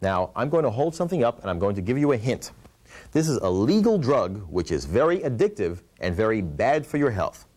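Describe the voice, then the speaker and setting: A man's voice: medium pitch, big pitch swings, a little fast, darkish tone. A man hosting a puppet show as the ventriloquist straight man, asking questions in a patient, instructive way. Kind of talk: scripted puppet show patter.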